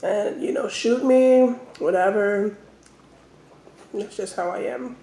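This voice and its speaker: A woman telling stories casually as an eating-show host, talking in short phrases with pauses. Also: mid-range voice, creaky, darkish tone, slight background noise. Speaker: mukbang host. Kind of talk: casual storytelling while eating. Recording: roomy, echoey indoor sound.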